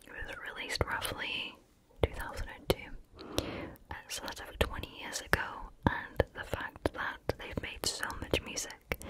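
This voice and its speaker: A woman whispers softly, right up at the listener's ear, in an ASMR style. Her delivery is a casual, chatty monologue, kept fully hushed and unvoiced. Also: low-quality recording. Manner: soft, close-up whisper in the ear. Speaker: ASMR video host. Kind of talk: whispered ASMR chat about favorite music.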